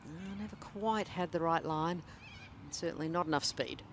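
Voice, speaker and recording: Higher-voiced male golf commentator over outdoor noise. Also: moderate pace. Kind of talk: live golf tournament commentary.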